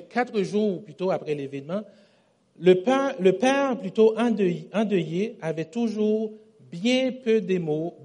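A man preaching a sermon with a Quebec French accent, telling stories in an animated way and often repeating and correcting himself. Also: high-pitched. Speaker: pastor.

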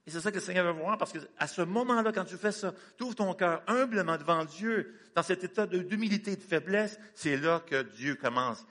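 A man's voice: sits high, brisk, hardly any pauses, bright, forceful tone, long reverb tail. A middle-aged man, preaching a sermon and urging the congregation to repeat after him. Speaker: pastor.

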